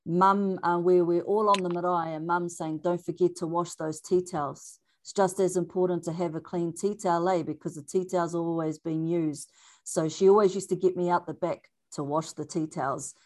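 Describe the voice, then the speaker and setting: A woman's voice: fairly low pitch, fairly even intonation, normal speed. A woman with a Māori New Zealand accent, informally moderating a panel and mixing in Māori words. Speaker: panel host.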